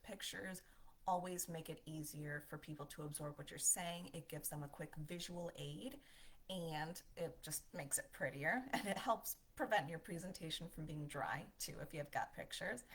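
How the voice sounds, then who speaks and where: Casting: woman with a low voice, cheerful instructor talking over slides, friendly and chatty. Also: moderate pace, fairly bright tone, slightly rough. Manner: upbeat, smiling, conversational. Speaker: marketing instructor. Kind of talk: presentation voiceover lesson.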